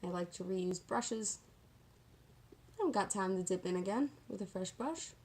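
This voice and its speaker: A woman's voice: mid-range voice, expressive, measured pace, a little mellow. A woman giving a casual, chatty get-ready-with-me makeup tutorial, talking in a sassy, slangy, self-deprecating way. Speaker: makeup vlogger.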